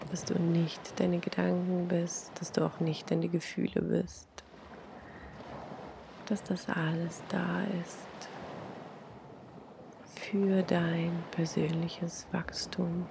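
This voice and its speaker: Hushed, very slow woman guiding a meditation. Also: on the low side, little pitch movement, noisy background. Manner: hushed, breathy near-whisper, soothing, long pauses. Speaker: hypnotherapist leading a guided meditation. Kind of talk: soft, slow guided meditation, like a sleep story narrator.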